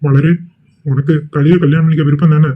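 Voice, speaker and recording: A man's voice: a little high, little pitch movement, brisk, close to an everyday voice. Man voicing a mild conciliatory father. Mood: calm. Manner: plain, conciliatory. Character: mild middle-aged father agreeing to marriage. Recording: tinny phone-like sound.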